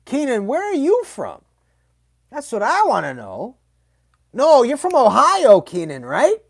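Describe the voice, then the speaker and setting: A man hosting a casual livestream and answering chat, talking in a chatty, animated way with slangy asides and plenty of fillers. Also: very high-pitched, a little slow, creaky, no room sound, clean studio sound.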